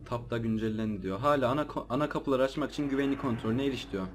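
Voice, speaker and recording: A man's voice: mid-range voice, rapid-fire, a little hiss or hum. A man with an ordinary, middle-range voice chats loosely to his audience as he plays. He sounds jittery and easily startled, and his casual talk jumps into yelps. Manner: jumpy, easily startled, slangy chatter to viewers. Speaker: let's play gamer. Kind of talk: casual gameplay commentary.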